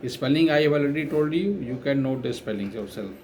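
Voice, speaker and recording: A man's voice: medium pitch, fairly quick, a little mellow, slight background noise, low-quality recording. A male teacher giving a dictation lesson, repeating each phrase and spelling words out letter by letter.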